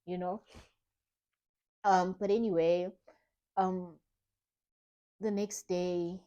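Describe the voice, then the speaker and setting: A woman softly telling a personal story of grief in a vlog, acting out her own past thoughts. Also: on the low side, flat delivery, very slow, dull audio. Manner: soft, reflective, grieving, re-enacting her own thoughts. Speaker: vlogger.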